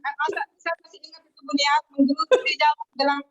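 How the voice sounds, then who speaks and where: Woman guest, high voice, animated storyteller, distant lo-fi webinar audio. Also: quick pace, soft background music. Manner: animated, acts out quoted voices. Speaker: guest telling her success story. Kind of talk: casual storytelling.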